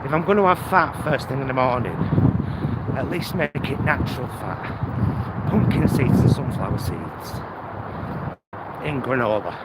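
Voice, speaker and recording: This British man speaks at a normal speed with an animated, mid-range voice as he vlogs on foot through the streets, musing in a hesitant, self-mocking way. The casual walk-and-talk clip is windy, with heavy traffic, vehicles and city sounds behind him.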